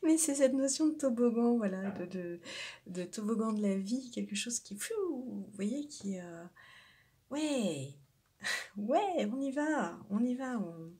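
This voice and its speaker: A woman's voice: on the high side, lively intonation, takes it slowly, mellow, slightly rough. A woman doing an intuitive card reading for her viewers, hesitant and searching for words, often dropping into a whisper. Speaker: tarot card reader.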